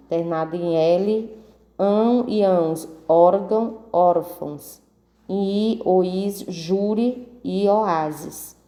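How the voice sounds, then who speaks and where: A woman's voice: mid-range voice, warm tone. A woman teacher going through a worksheet correction, patiently repeating and drawing out words to mark the stressed syllable. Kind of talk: slow worksheet correction lesson.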